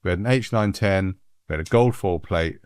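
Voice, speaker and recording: A middle-aged man from England, a music producer, telling anecdotes in a relaxed, animated way with frequent laughs. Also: low-pitched, brisk, clear, resonant tone, no room sound. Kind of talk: relaxed storytelling.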